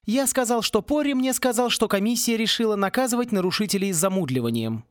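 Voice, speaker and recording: A man voicing a cunning, cheeky schoolboy schemer who talks in a brisk, pushy way with a raised voice. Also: sits high, expressive, no echo, clean studio sound, voice pushed up.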